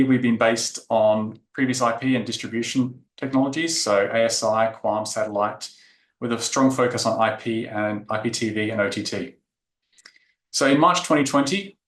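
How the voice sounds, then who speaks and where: Man from Australia, mid pitch, presenting a tech talk in a roomy conference space; steady explainer with fillers. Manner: explanatory, filler-heavy delivery. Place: conference room. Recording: echoey conference room.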